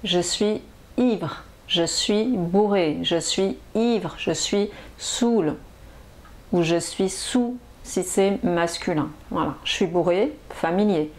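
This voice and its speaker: A woman teaching French expressions in a language lesson, saying each phrase several times with many pauses and fillers. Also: lowish voice, a little mellow. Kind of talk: slow, repetitive language lesson.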